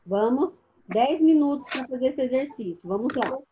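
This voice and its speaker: Patient teacher on a dull call. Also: female voice, sits high, animated, normal speed, mellow, a little hiss or hum. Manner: patient, questioning, calls pupils by name. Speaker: primary school teacher. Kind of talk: online class instruction.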